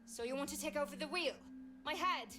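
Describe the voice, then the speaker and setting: A woman's voice: high voice, brisk, background noise, lightly acted. An actress playing a wary young woman stranded on an island who speaks in an uneasy, questioning way. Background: music.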